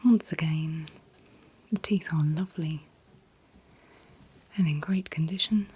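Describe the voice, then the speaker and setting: A woman doing a whispered role-play as a calm dentist, speaking in a breathy whisper with gentle, reassuring, unhurried instructions. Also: deep voice. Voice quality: breathy, mostly unvoiced whisper. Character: calm, attentive dentist soothing a patient. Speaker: ASMR performer playing a dentist.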